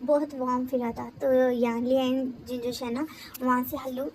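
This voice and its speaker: Woman, chatty storyteller, high pitch, loose rambling delivery. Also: level tone, a little slow, a little hiss or hum, rough recording. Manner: rambling, many fillers and restarts. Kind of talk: casual fan-fiction narration.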